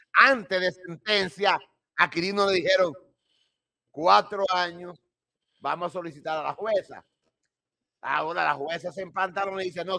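A man explains things in a deliberate, emphatic way. His voice sits high for a man and has a strong gravelly fry. He speaks into a close studio mic. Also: pushed and bright. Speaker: guest crime analyst. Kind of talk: emphatic studio interview analysis. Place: home office with shelves and flags. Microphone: studio mic on boom arm.

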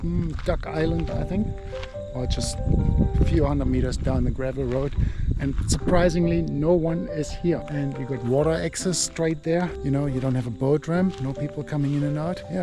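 Casual man in his thirties, gravelly voice, chatty outdoor fishing vlog on an action cam, music underneath. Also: fairly high pitch, moderate pace. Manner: relaxed, chatty, unsure asides. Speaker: fishing vlogger. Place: outdoors by a lake and in a camper van.

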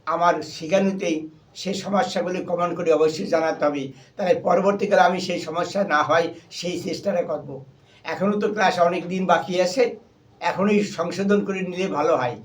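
High-voiced man teaching harmonium notes. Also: fairly even intonation, a little fast. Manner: patient, repetitive explaining, naming notes aloud one by one. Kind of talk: step-by-step music lesson. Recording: voice a little far from the mic, with instrument playing.

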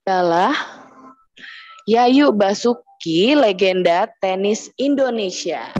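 A woman's voice: mid-range voice, animated, slow, a little mellow. A woman guiding an online museum tour for children, talking in a chatty way, with her voice breaking up over a bad connection. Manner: chatty, drawing young viewers in with tag words. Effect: choppy, breaking-up audio from a bad online connection. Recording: dull lo-fi online call audio.

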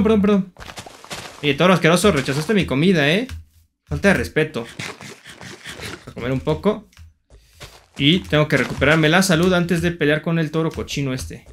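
A young man giving excitable, playfully taunting commentary while playing a survival game. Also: a little high, slight background noise. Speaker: gaming YouTuber. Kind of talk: Minecraft gameplay commentary.

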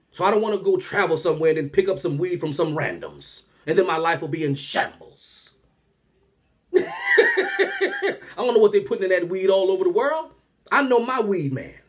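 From a small room in his home, a man in his thirties launches into a comic, exasperated rant at the camera, full of rhetorical questions and animation. His voice sits high.

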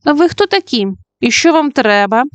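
A stingy, scolding old witch from a fairy-tale audiobook, played by a woman narrator. Her voice jumps high and shrill as she taunts and threatens. The recording is dry and close. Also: lively intonation, a little slow, clean tone, dry recording. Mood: suspicious.

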